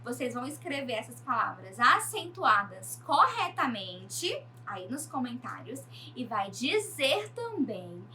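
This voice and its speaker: A woman teacher from Brazil giving a recorded online lesson, speaking slowly and with emphasis, addressing her pupils directly. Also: on the high side, big pitch swings, pushed and bright, recorded from a distance.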